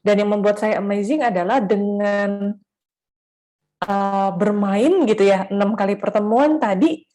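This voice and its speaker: A woman moderates an online webinar over her video call mic. She talks casually and mixes in English words. Her pitch sits in the middle. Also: measured pace, warm tone.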